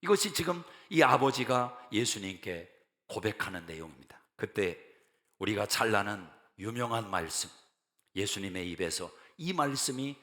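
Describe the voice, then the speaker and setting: Male pastor, emphatic sermon delivery with punchy repeated lines, bright and forceful, in a reverberant sanctuary. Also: fairly low pitch. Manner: emphatic preaching that builds to loud declarations; repeats key phrases for emphasis. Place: church sanctuary.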